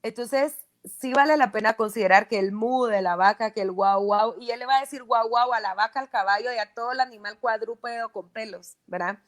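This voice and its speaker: A woman's voice: on the high side, a little fast. A speech therapist, a woman, explaining patiently in an interview and often checking "¿verdad?". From Guatemala.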